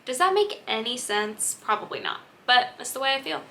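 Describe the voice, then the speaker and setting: Bright-voiced young woman book vlogger. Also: a little high, expressive, normal speed, a little hiss or hum. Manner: chatty, candid, filler-heavy. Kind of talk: casual chat.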